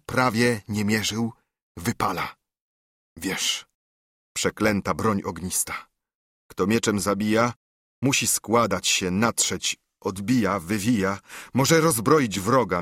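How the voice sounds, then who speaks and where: A man voicing a dying older monk, once a proud nobleman, giving a grave, measured confession in a verse audiobook reading. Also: fairly low pitch, fairly bright tone, breathy edge, no echo, clean studio sound. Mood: bitter.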